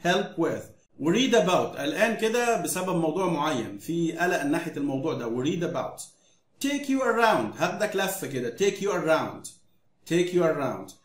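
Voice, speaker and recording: A man teaching English words to children in Egyptian Arabic, repeating each word slowly so that pupils can say it back. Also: on the high side, very animated, echoey room. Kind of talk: vocabulary drill lesson for children.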